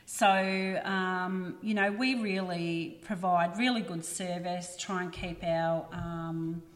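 Chatty woman, lowish voice. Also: big-room sound. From Australia. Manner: chatty, many fillers like um and you know. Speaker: guest, printing business representative. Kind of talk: casual podcast conversation.

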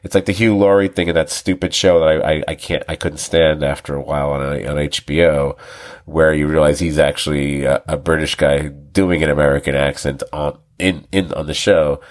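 This podcast co-host talks at a moderate pace in an extremely low voice while reviewing TV. His delivery is loose and rambling, full of restarts and frequent laughter, and he performs quoted lines using lively character voices.

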